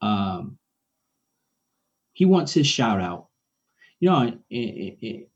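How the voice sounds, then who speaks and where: A man's voice: fairly low pitch, very animated, slow pace, highs cut off. A man in his forties talking about faith in a casual conversation, enthusiastic and preacherly, often repeating words as he builds a point. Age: 40s.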